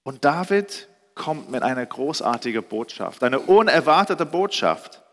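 A male preacher retells a scripture story, animated and expressive, often speeding up or slowing down. His voice sits slightly high. A long hall reverb trails behind it. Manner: storytelling, animated, with shifting pitch and pace.

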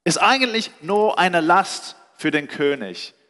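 A man voicing a humble lame man who pleads that he is worthless, in a high, slow, pleading tone. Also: expressive, bright, forceful tone, heavily acted. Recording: reverberant hall.

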